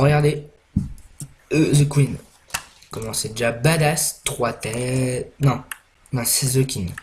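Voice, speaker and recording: Rambling young gamer, hesitant. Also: male voice, medium pitch, darkish tone, a little hiss or hum. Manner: rambling, hesitant, many fillers and restarts. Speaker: gaming YouTuber. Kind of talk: casual gameplay commentary.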